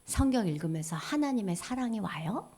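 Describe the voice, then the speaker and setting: A woman giving a children's sermon. She asks the kids questions and swings between loud exclamations and hushed whispers. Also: medium pitch, big pitch swings, normal speed. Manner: speaks directly to children, asking them questions. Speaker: children's ministry preacher.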